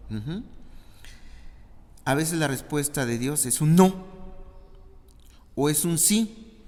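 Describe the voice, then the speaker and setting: A man with a Mexican Spanish accent preaching a sermon in a church, acting out the voices of Bible figures as he tells them. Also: a little high. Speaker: pastor. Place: church hall. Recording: reverberant church hall.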